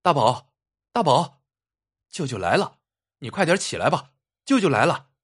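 Man doing a cheerful young shop-woman, eager, welcoming, slightly raised voice, husky. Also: fairly high pitch, very animated, normal speed. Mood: calling.

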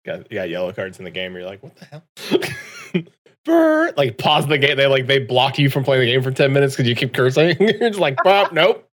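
Animated man hosting a gaming chat. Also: medium pitch, quick pace, hardly any pauses. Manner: laughs often, animated. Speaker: podcast host.

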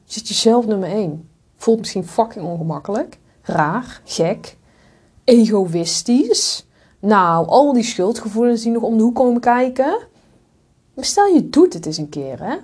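A woman's voice: a little high, big pitch swings, a little slow, a little mellow, slightly rough. A woman hosting a podcast, giving frank, blunt motivational advice and slipping in swear words and English asides. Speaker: podcast host and coach. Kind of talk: direct motivational monologue.

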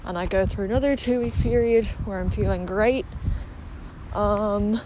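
Slow-talking woman, slight retainer lisp, outdoors. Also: medium pitch. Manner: hesitant, candid, with mild swearing. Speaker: podcast host. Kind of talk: casual confessional monologue while walking. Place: outdoors, on a muddy walk. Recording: noisy outdoor walking recording.

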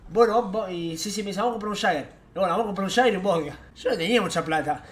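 Young Argentine guy with a high voice. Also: rapid-fire. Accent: Argentine Rioplatense Spanish. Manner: animated, slangy, laughs as he tells it. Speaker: streamer telling an anecdote. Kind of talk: casual storytelling.

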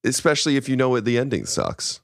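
A young man co-hosting a podcast, easygoing and quick to laugh in casual conversation. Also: medium pitch, wildly swooping pitch, gravelly, no room sound, clean studio sound. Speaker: podcast co-host. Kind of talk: casual chat.

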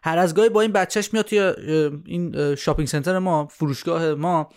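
A young man with a notably high voice leads a casual podcast chat. He tells stories with animated energy and mixes English phrases into his speech. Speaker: podcast co-host steering the talk.

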